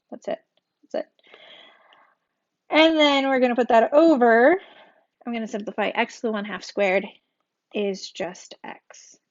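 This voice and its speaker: A woman teaching a recorded calculus tutorial in a chatty way. She corrects herself often and recites a memory rhyme. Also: fairly high pitch. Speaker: math teacher. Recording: dull lo-fi audio.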